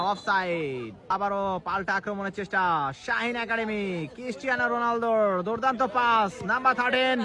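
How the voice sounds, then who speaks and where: A man giving frantic, excited live football commentary, repeating phrases as he follows the play. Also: extremely high pitch. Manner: frantic, repeats phrases, bursts into shouts on shots and goals. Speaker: football commentator at a village match. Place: outdoors at a football ground. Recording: crowd noise, outdoor village field. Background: crowd.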